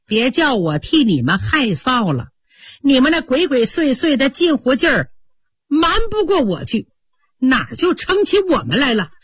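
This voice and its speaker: A jealous young maid, her sarcasm shrill and biting, as a woman storyteller puts her on. The voice leaps high and swings widely, a little husky, close and dry. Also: very animated, normal speed, no echo, exaggerated voice. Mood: sneering. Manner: sneering, sarcastic.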